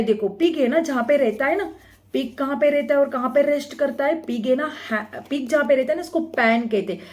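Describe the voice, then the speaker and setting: A woman teacher explaining an English textbook lesson, reading the English lines slowly and asking and answering her own questions. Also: high-pitched, a little mellow.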